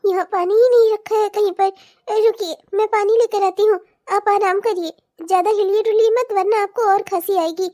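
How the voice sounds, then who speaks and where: Lady voicing a squeaky-high old cartoon granny, frail, sore legs, keeps calling out and pleading. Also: fairly even intonation, moderate pace, warm tone. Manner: pleading, calls out repeatedly. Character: frail old mother-in-law with aching legs. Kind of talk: cartoon voice acting.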